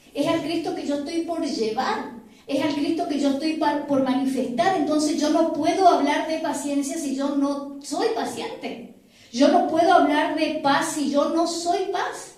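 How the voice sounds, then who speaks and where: A woman's voice: high-pitched, a little mellow. A woman pastor with an Argentine accent preaches earnestly, repeating phrases and asking rhetorical questions. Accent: Argentine Spanish. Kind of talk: sermon. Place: church hall. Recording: very echoey hall, mic far off.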